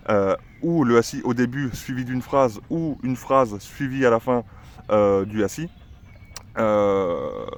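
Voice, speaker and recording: Un homme qui explique le dressage de son chien en vlog décontracté, avec beaucoup d'hésitations. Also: male voice, mid-range voice. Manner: chatty, many "euh" fillers, gives commands to the dog. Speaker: dog trainer and channel owner. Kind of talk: casual explanatory vlog with a dog.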